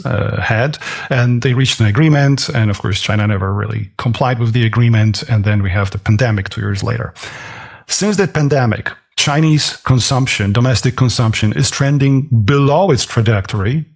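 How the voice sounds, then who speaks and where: A man's voice: mid-range voice, vocal fry. A man from Switzerland, a guest on an interview podcast, giving a dense, analytical explanation of economics with frequent restarts. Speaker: guest, author and portfolio manager.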